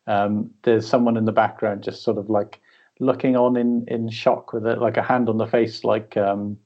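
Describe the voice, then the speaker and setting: A man's voice: lowish voice, level tone, moderate pace. A man co-hosting a podcast over a remote call, chatting loosely and jokingly. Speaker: podcast co-host. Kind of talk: casual podcast chat. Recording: dull lo-fi call line.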